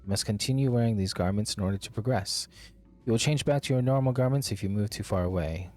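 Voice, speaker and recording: A man's voice: lowish voice, quick pace, a little mellow, soft background music. A man reading and commenting through a video game playthrough.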